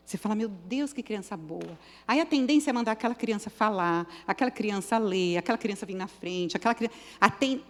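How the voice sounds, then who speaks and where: Brazilian woman giving lively church training. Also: on the high side, in a large hall. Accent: Brazilian Portuguese. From São Paulo, Brazil. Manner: lively storytelling, addresses the group directly. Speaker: children's ministry trainer. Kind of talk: church training talk with stories.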